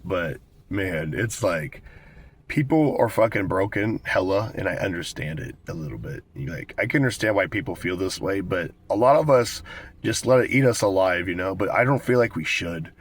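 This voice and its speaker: An American man in his twenties with a cold and a raspy smoker's voice, chatting casually and candidly to viewers with plenty of swearing. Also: low voice, expressive, moderate pace, slight background noise. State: hoarse with a cold, smoker's rasp. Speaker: vlogger. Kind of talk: casual rambling talk to viewers.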